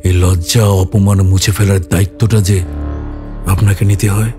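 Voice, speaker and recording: Guy acting low voiced political henchman, scheming n deferential, movie scene w music. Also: flat delivery, normal speed, dark tone, natural voice. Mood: deferential, urgent. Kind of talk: film drama acting.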